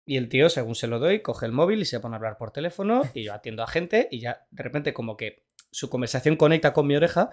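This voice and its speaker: A young man with a Spain Spanish accent chats on a podcast, winding through his anecdote with plenty of fillers, false starts and asides. His voice sits at an ordinary middle pitch, and he talks at an unhurried conversational pace. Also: animated. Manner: rambling storyteller, many fillers and restarts. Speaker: podcast co-host. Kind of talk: casual chat.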